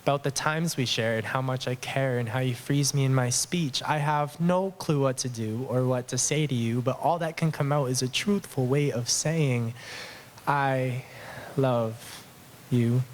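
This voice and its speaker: A man's voice: mid-range voice, normal speed, hardly any pauses, slight background noise. A man from Southern Alberta reading his own love poem at a live open mic, earnest and a little nervous. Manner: earnest, tender, a bit nervous. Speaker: poet. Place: small acoustic lounge with live audience.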